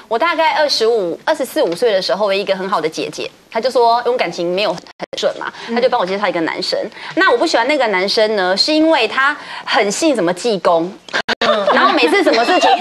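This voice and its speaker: A woman, a talk show guest telling a story in a lively way, acting out other people's lines. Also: fairly high pitch. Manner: lively, acts out others' lines, laughs often. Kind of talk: animated storytelling.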